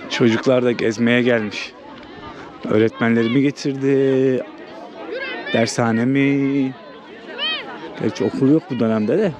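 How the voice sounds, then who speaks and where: A man hosts an unscripted travel vlog outdoors in an old walled town, his mid-range voice fairly even, a little slow, and often pausing. Crowd noise and general city ambience surround his casual, conversational thinking aloud.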